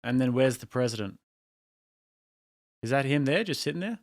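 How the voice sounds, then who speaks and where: A man's voice: mid-range voice, lively intonation, moderate pace, a loud crowd, heavy background noise. An Australian man hosting a casual reaction commentary, blunt and mocking, laughing at what he watches. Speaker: commentary channel host.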